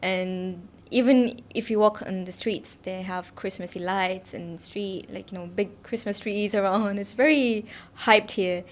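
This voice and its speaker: A student guest on a podcast, the young woman speaks in a mid-range voice, unhurried and with few pauses. The casual interview has a cheerful feel, full of laughter and fillers such as "like" and "you know," with faint background noise in the studio.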